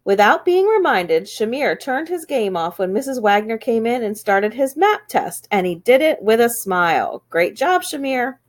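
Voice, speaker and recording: A woman's voice: on the high side, lively intonation, normal speed, few pauses. A woman reading school morning announcements in an upbeat, sing-song way.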